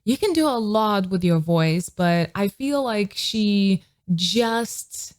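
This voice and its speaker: A woman's voice: medium pitch, lively intonation, slow pace. A woman vocal coach giving an enthusiastic, casual reaction to a pop song, now and then singing short riffs to show a technique. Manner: enthusiastic, demonstrates sung riffs.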